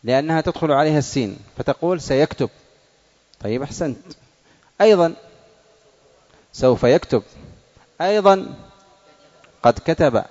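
A man's voice: a little high, a little mellow, big-room sound, muffled recording. A male teacher giving a classroom grammar lesson, quizzing pupils and repeating their answers.

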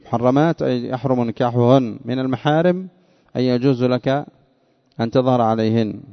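A man teaching a religious class, explaining points slowly, restating them and quizzing his listeners. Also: medium pitch, no echo. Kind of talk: classroom lesson explaining scripture. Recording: dull lo-fi dry recording.

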